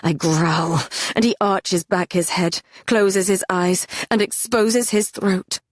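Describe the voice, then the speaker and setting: A woman's voice: lowish voice, fairly even intonation, slow pace, no room sound, clean studio sound. A woman narrating a first-person fantasy romance audiobook with an intense, dramatic delivery.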